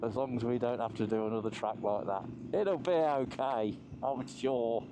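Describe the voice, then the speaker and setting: Background noise accompanies a mid-range male voice at a moderate pace. He's a motorcycle vlogger riding mountain roads, chatting through his helmet mic with plenty of laughter and easy swearing.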